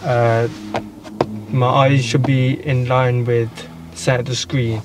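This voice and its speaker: A man's voice: mid-range voice, flat delivery, takes it slowly. A young man answering as a learner driver in a casual lesson, with short, tentative replies. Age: young adult. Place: inside a parked car. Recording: clear car background noise.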